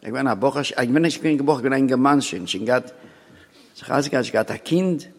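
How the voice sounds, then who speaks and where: A man of medium pitch works through a rambling story about himself, stopping and restarting often, pausing a lot, and now and then muttering quietly. A long, echoing reverb colors the audio.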